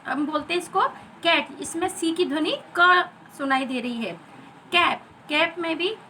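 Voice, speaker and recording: A woman's voice: very high-pitched, pushed and bright, a little hiss or hum, rough recording. An Indian woman teacher giving a phonics lesson to children, spelling out letters and repeating each sound.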